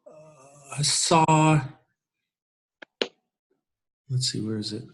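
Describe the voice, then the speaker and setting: A man's voice: medium pitch, extremely slow, vocal fry, slight background noise. A man giving casual, encouraging peer feedback on a video call, rambling with many restarts. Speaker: peer reviewer.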